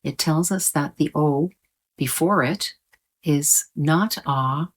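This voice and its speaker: A woman's voice: low-pitched, slow. A woman teaching English pronunciation in a patient, explanatory way, repeating points and stretching out vowel sounds to demonstrate them. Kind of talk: slow explanatory lesson.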